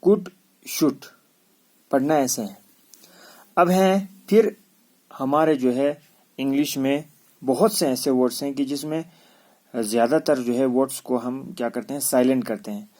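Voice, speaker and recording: A man's voice: medium pitch, normal speed, mellow. A man teaching a lesson, spelling out words letter by letter and repeating each word several times. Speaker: English teacher. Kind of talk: classroom lesson.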